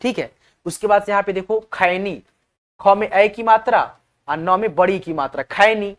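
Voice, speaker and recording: A woman's voice: medium pitch, normal speed. A woman teaching a spelling lesson at a whiteboard, patiently spelling words out letter by letter and often checking that her viewers understand.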